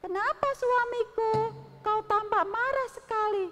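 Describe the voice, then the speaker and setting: A woman's voice: very high-pitched, fairly even intonation, a little slow, a bit bright, pitched above the performer's own voice. A woman voicing a scheming queen in a children's story who coaxes and soothes her husband. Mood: coaxing. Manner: coaxing and soothing. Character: scheming sweet-talking queen, adult woman. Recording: long hall reverb.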